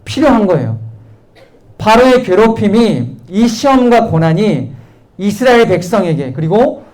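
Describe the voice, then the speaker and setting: A male pastor delivers a sermon to young adults in a high, bright-pitched voice. His speech rises and falls with wide swings as he presses the room with repeated questions and acts out the voices he quotes. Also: very animated, unhurried. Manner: questioning, repetitive rhetorical preaching, quoting voices. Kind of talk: sermon to a youth congregation.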